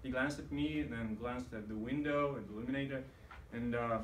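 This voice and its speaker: A man delivers a storytelling speech at a club meeting, pausing often with fillers. He is recorded from afar in a roomy hall, and a faint room hum sits underneath. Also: mid-range voice. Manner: hesitant, many fillers. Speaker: club speaker. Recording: roomy hall, mic far off.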